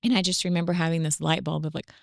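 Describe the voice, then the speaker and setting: A woman's voice: sits low, flat delivery, fast talker, creaky, no echo, studio quality. A woman co-hosting a faith-based family podcast, talking earnestly and reflectively with many fillers. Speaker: podcast co-host.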